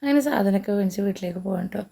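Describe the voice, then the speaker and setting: A woman's voice: mid-range voice, racing, gravelly, warm tone. A woman, short of breath, chatting homely through a casual cooking vlog. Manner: chatty, homely, frequent tag particles. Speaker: cooking vlogger.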